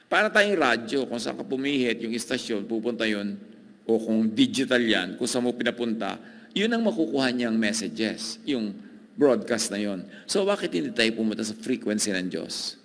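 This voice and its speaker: A man delivers a sermon, slow and emphatic, stretching key words and pausing for weight. His voice is gravelly, of middle pitch, and a long reverb trails every phrase. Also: sing-song, fairly bright tone. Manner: emphatic, drawn-out phrases with dramatic pauses. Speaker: preacher. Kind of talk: Taglish sermon teaching.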